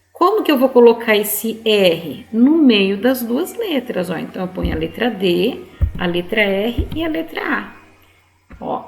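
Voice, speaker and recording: Patient teacher woman, slow and gravelly. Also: medium pitch, darkish tone, roomy sound. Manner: patient, coaxing, asks children by name. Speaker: primary school teacher. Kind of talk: online reading lesson for young children.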